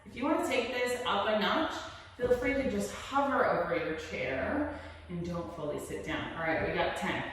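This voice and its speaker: A woman's voice: mid-range voice, moderate pace, a bit bright. A woman working out as she teaches, an encouraging aerobics instructor who counts reps aloud and calls out form cues. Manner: exerting while talking. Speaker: fitness coach. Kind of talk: aerobics instructor leading a seated workout. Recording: echoey hall, distant mic, noisy.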